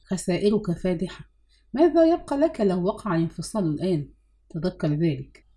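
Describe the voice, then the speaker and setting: A woman's voice: on the low side, animated, a little fast, dark tone, lightly acted. A woman voicing a scheming middle-aged mother who coaxes her son in an audiobook reading. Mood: coaxing.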